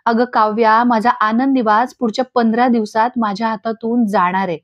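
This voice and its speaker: A woman's voice: a little high, fairly even intonation, moderate pace, close to an everyday voice. A woman voicing a caring elder sister, tender and fretful in her speech. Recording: dull lo-fi recording.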